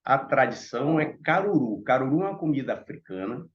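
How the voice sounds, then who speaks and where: A man's voice: mid-range voice, big pitch swings, fairly quick, highs cut off. A man from Salvador with a Bahian Brazilian accent, giving a reflective talk as a panel speaker and addressing the audience directly with many asides. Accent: Bahian Brazilian Portuguese. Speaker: panel speaker at a Theosophical meeting.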